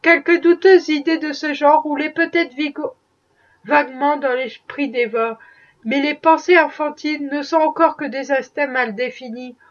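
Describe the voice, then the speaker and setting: A woman reading a classic novel aloud in a measured, expressive way. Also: sits high. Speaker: audiobook reader. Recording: dull distant recording.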